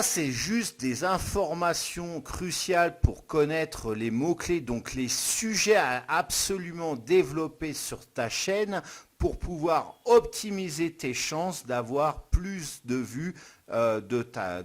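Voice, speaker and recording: Man walking through a screen tutorial. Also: a little high. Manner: addresses viewer informally, step-by-step explaining clicks. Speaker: YouTube tutorial host. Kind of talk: screen-recorded software tutorial. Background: soft guitar music.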